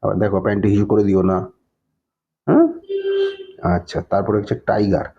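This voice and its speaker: A man's voice: lowish voice, fairly quick, creaky, husky. A male teacher patiently explaining a primary school textbook, spelling words letter by letter and checking in after nearly every phrase. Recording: dull lo-fi recording.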